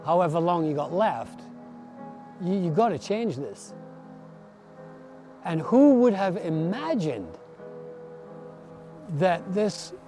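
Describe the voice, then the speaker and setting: A Scottish man in his sixties, reflecting in a documentary interview, thoughtful and earnest, pausing and repeating words as he searches for them. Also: high voice, darkish tone. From Scotland. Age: 60s. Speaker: barefoot walker interviewed.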